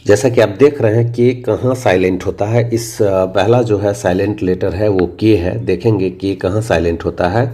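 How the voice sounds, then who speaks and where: A middle-aged man teaching a spoken English lesson, explaining slowly and repeating each point, asking and answering his own questions. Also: lowish voice, steady tone, dark tone.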